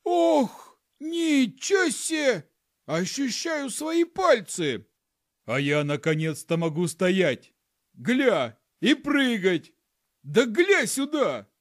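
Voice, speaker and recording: A man voicing a crowd of old peasant ghosts who talk in drawn-out, howling tones. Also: sits high, big pitch swings, dry recording, studio quality, pitched above the performer's own voice, exaggerated voice. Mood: amazed. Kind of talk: audiobook narration.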